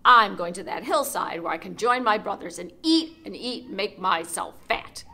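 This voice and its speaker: A woman voicing the third billy goat, a big strong male goat who speaks loudly and defiantly in a storybook. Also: medium pitch, lively intonation, normal speed. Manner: loud, defiant voice.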